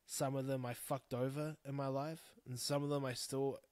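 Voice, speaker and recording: This candid solo podcast monologue comes from a New Zealand host in his thirties who rambles bluntly, swears freely and speaks frankly. He has a medium pitch with little movement, a moderate pace and a slightly mellow tone, with no room sound.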